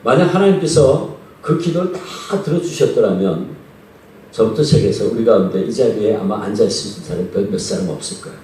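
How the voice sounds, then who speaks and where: A man's voice: fairly low pitch, expressive, fairly quick, dark tone, a little hiss or hum. A male pastor preaching a revival sermon in a church, talking conversationally and asking the congregation questions. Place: church sanctuary. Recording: echoey church hall, distant mic.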